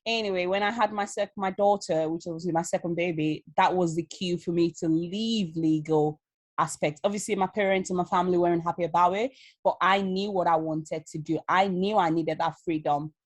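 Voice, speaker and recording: This Amazon seller, a guest in her thirties from Leeds, recounts her story over a video call in a relaxed interview. She speaks a little low at a moderate pace, in a Yorkshire accent with Nigerian influence, recorded dry. Expect lots of laughter, fillers, and animation.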